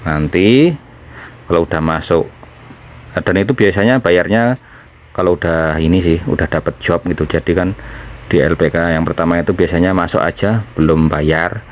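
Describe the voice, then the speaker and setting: A man from Indonesia explaining things in a casual chat as he eats, with pauses between phrases. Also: low voice, a little hiss or hum. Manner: talking while eating, with pauses. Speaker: vlogger, former trainee in Japan.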